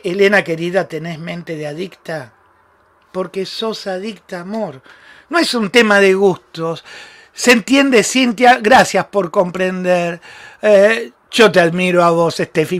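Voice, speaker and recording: This is a man with a high-pitched voice and a Rioplatense Spanish accent, hosting a live therapy talk. He is blunt and direct, pressing viewers by name and calling them "amor" again and again. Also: a little slow, fairly bright tone. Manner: blunt, direct, calls listeners "amor" constantly. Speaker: host and therapist. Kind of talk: live-stream talk answering viewer comments.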